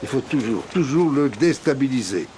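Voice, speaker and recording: Guy doing tough old boxing coach, blunt, bossy, mid-pitched voice, film dialogue. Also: expressive, moderate pace, mellow, a little hiss or hum, natural voice. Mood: commanding. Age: older. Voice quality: blunt, commanding, instructive. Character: gruff older male retiree, tough boxing mentor. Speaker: retired boxer coaching a young man.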